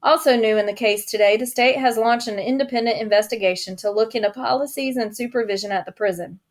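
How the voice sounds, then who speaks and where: A woman reading an audiobook, voicing a news anchor who delivers a crime report in an even, measured way. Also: a little high, close to an everyday voice. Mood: serious.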